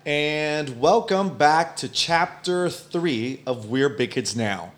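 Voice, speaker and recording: A man's voice: a little high, lively intonation, slow pace, soft background music. Teasing young male podcast host. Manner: teasing, playful. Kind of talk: casual podcast chat.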